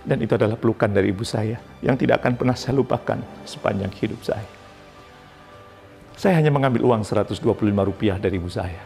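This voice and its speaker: A man, a motivational speaker, telling a personal story dramatically and rising to near-shouts when moved. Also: on the low side, fast, vocal fry, soft background music.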